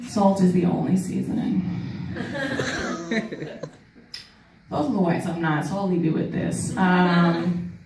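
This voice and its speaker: New york woman doing stand-up, laughs at her own jokes, sounds a bit far off in an echoey club, faint noise behind. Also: mid-range voice. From New York City. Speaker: stand-up comedian. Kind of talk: stand-up set. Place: small comedy club. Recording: echoey club room, mic at a distance. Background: audience laughter.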